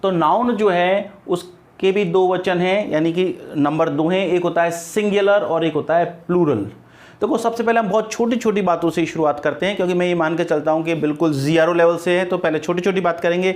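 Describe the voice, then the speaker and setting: A man's voice: a little high, a little fast. A man from India teaching an English grammar lesson, patient and repetitive, spelling words out letter by letter.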